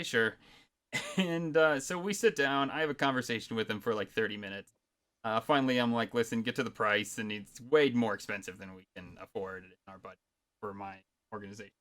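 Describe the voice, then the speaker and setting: A man's voice: mid-range voice, fairly bright tone, clean tone. A man in his thirties co-hosting a casual podcast, telling a long anecdote with many fillers and frequent laughter. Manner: rambling storyteller, laughs often, many fillers. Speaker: podcast co-host.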